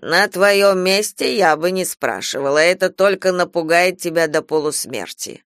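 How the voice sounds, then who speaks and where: A woman voicing a sharp-tongued, complaining stepmother in an audiobook. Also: fairly low pitch, normal speed, no room sound, studio quality. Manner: curt and complaining. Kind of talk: audiobook character voice.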